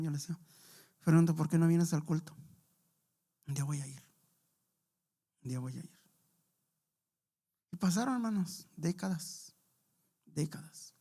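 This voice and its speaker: A man preaching a sermon in church, telling a testimony and leading prayer, calling out to the brethren constantly while his loudness swells and drops. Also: a little high. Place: church sanctuary.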